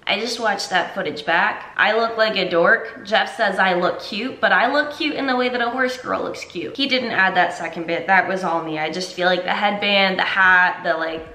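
A woman's voice: mid-range voice, normal speed, hardly any pauses, pushed and bright. A young woman chatting casually to camera at home, as a running vlogger. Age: young adult. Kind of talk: casual vlog chat to camera. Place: open living room indoors. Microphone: camera a short way off. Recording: echoey room at home.

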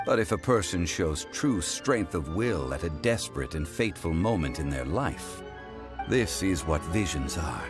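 A man voicing an ancient god living as a calm, dignified mortal, speaking in measured, formal sentences. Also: low-pitched, over music. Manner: measured, formal, stately speech. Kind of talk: video game voice acting.

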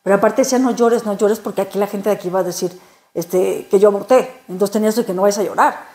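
Warm-voiced woman giving testimony. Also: medium pitch. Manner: emotional, halting, many repeated words. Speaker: interview guest. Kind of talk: personal faith testimony.

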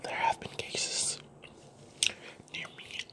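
A young adult woman whispering a casual ASMR ramble while chewing gum. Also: slow pace.

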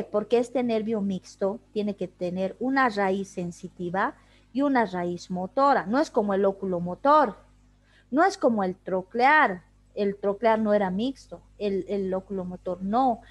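A woman teaching anatomy in an online class, explaining step by step and asking rhetorical questions she answers herself. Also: medium pitch. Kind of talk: online lecture. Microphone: video call.

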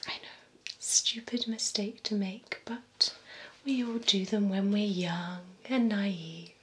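Woman playing a slow whispering vampire beautician. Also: mid-range voice, steady tone, a bit bright. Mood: attentive, gently teasing. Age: young adult. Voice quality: breathy whisper. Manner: slow, soothing, formal client care. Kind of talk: ASMR role-play, whispered personal attention. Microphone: close binaural microphone. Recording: close whisper over clear ambient noise.

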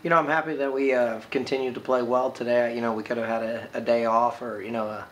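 A man in his thirties, a baseball coach giving a postgame interview, talking quickly and filling pauses with "you know". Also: medium pitch, little pitch movement, a bit bright, slight background noise, rough recording. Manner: filler-heavy, with frequent "you know"s. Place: indoor room by large windows.

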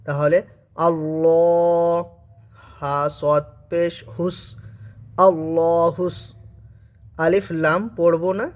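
Man, high voice, Quran reading teacher, spells out letters, slow recitation. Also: fairly even intonation. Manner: asks and answers his own questions.

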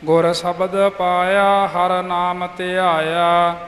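A man reciting scripture in a slow, flat, sing-song chant. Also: sits high. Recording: echoey room with faint music.

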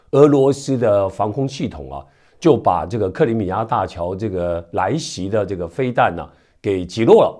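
This news commentary host is a man in his fifties with a mid-range, somewhat mellow voice, made stuffy, strongly nasal and slightly hoarse by a cold. He talks to camera on a lapel mic in an indoor studio with a virtual backdrop, keeping it conversational with frequent sentence-final particles and rhetorical tags.

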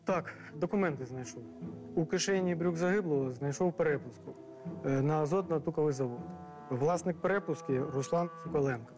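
A man's voice: on the high side, fairly quick, over music, close to an everyday voice. An actor playing a male forensic expert in a docudrama, reporting his findings plainly and factually.

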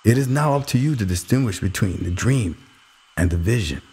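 Dude doing a calm wise old uncle, lowish voice, slow and measured advice. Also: male voice, breathy edge.

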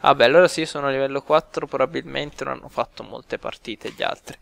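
A young man giving excitable live gameplay commentary, swearing and talking to his viewers. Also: medium pitch, fast talker, vocal fry, dry recording. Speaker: gaming youtuber.

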